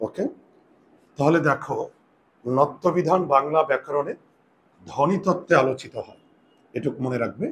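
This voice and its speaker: A man's voice: fairly high pitch, normal speed, long pauses, a little hiss or hum. A man teaching a Bengali grammar lesson, patiently repeating key points and asking and answering his own questions.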